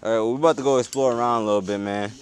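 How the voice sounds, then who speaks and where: A man's voice: medium pitch, rapid-fire. A man chatting casually and profanely as he explores, speaking in slang as an urban explorer vlogger. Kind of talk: casual chat while exploring. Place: abandoned urban site at night. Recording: clear outdoor ambient noise, passing vehicles.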